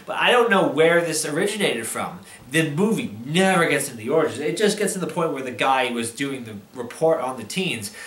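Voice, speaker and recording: A man with a fairly high voice rants through a film review in a roomy, echoing space. He sounds drunk and angry, rambling and losing his thread between bursts of swearing. His pitch swings widely as he vents his exasperation. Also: animated, fairly quick, few pauses, a bit bright. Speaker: movie reviewer.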